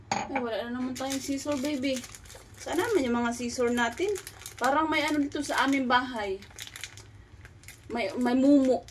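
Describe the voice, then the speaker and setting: Filipino-accented woman, a mother vlogging at home, sing-song baby talk, slightly high voice, faint household noise. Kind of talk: casual talk to her baby while doing chores. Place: home, kitchen and backyard laundry area.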